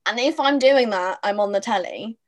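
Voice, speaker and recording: A woman's voice: mid-range voice, normal speed. A woman hosting a podcast, chatting casually in an upbeat, easy-laughing way. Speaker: podcast host.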